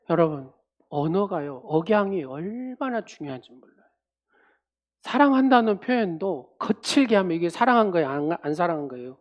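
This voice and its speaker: A woman pastor preaching a sermon. She calls on the congregation, acts out quoted speech, and swings from loud to quiet. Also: fairly low pitch, highs cut off. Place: church.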